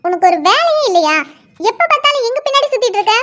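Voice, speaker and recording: A woman as a feisty young student girl, defiant, cheeky, very high squeaky voice, cartoon. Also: animated, fast talker, a bit bright. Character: feisty young female student defending her friend.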